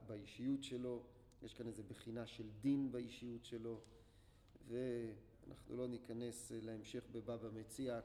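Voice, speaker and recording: Speaking in a mellow, mid-range voice, a man leads a group through a Torah class. The religious lecture mixes storytelling with questions to the listeners, and the echoey hall adds faint background noise.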